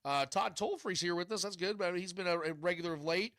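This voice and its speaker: A man's voice: high-pitched, a little fast, fairly bright tone, dry recording, clean studio sound. A man hosting a casual sports talk show in chummy, blunt slang, with a congested, nasal voice as if his nose were packed. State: stuffed up, can't breathe through nose.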